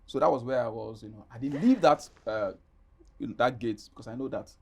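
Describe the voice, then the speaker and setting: Amid crowd noise, a middle-aged Nigerian man who acts is interviewed and recounts personal anecdotes with animation. His medium-pitched voice is brisk and creaky, and he leans on emphasis and repeated phrases in a conversational style.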